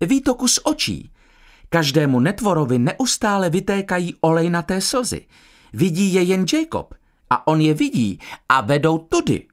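A man voicing a brisk, theatrical elderly headmistress in a high put-on voice in an audiobook. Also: wildly swooping pitch. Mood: excited.

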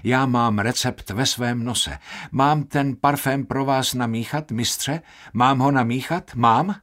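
A man voicing a strange young perfume apprentice with a croaking, creaky voice, speaking pushily and insistently. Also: medium pitch, fairly bright tone, lightly acted. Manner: pushy, insistent repetition.

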